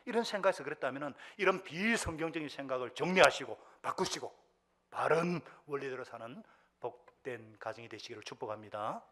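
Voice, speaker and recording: A man preaching a sermon as pastor, who asks the congregation questions and swings between loud outbursts and hushed whispered asides. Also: medium pitch, gravelly.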